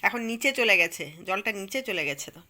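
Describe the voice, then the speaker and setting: A woman's voice: mid-range voice, lively intonation, moderate pace, bright, forceful tone. A woman filming her small child at home on her phone, coaxing and teasing him in a playful way. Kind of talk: casual home video chat. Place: home, by a bed. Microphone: phone camera held while filming.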